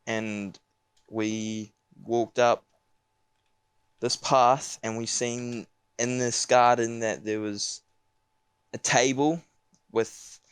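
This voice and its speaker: A man's voice: medium pitch, level tone, very slow, long pauses, clean tone, no echo. A young man with a broad New Zealand accent casually telling an anecdote on a podcast, slangy, sweary and laid-back. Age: young adult. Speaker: podcast speaker.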